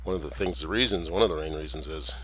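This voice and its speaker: A man with a bright-edged, breathy bass voice talks fast in a rambling personal monologue. His American accent carries a slight Jamaican tinge, and his meandering speech is full of restarts and chuckles.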